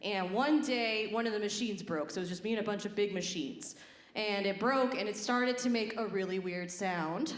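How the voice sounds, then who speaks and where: A woman in her thirties from the Midwest performing a stand-up comedy set, telling stories deadpan and breaking into silly voices and sung bits. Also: mid-range voice, moderate pace. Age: 30s. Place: comedy club stage. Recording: roomy live club sound.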